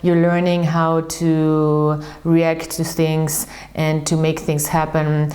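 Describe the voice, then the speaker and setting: Shuffling cards during an informal tarot reading in English, this channel host, whose first language is German, speaks in a fairly low, mellow voice with a completely flat delivery. She takes it slowly, chatting earnestly, restarting sentences and repeating words to stress them.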